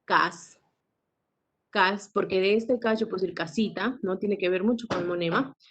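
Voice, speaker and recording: A woman teacher lecturing a class, often asking tag questions and clearing her throat. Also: mid-range voice, moderate pace, fairly bright tone. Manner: asks frequent tag questions. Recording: dull lo-fi recording.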